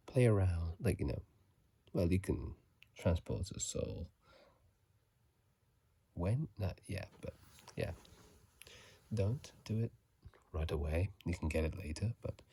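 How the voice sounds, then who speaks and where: Close to a phone mic, a man whispers ASMR commentary over a video game, his low-pitched voice soft and breathy yet animated. He muses casually in a halting, unhurried way.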